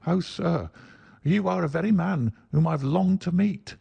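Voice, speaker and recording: A man's voice: a little high, expressive, a little slow, vocal fry, dark tone, breathy edge, no echo, muffled recording, pitched above the performer's own voice, exaggerated voice. A man voicing a nervous, frightened little man who whines and speaks in a quavering voice, in a storybook reading. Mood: nervous whining. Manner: whining, quavering.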